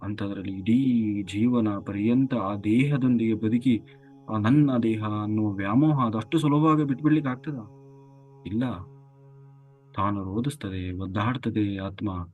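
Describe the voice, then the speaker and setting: A man's voice: lowish voice, unhurried, narrow, tinny audio, faint music behind. A man giving a spiritual talk as a story, dramatic and repetitive, often dropping to a near whisper. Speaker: spiritual teacher.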